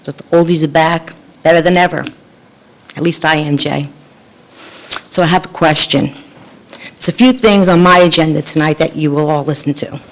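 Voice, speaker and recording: Gravelly wisecracking man at a council meeting. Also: a little high, fairly even intonation, moderate pace, pauses often. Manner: wisecracking, confrontational. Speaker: resident speaking at public comment. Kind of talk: public comment at a city council meeting. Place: council chamber.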